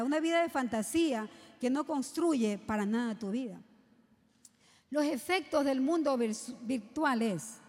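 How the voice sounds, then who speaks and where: Woman preacher, high voice, rhetorical questions, long hall reverb. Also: darkish tone. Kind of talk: sermon to young people.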